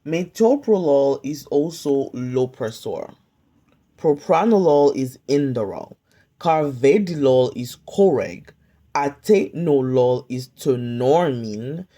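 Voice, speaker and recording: A pharmacy tech study tutor quizzes drug names in a slow flashcard-style review, her voice mellow and extremely low in pitch. She stays calm and measured, asking a question and then pausing. The audio comes from a phone camera filming a whiteboard.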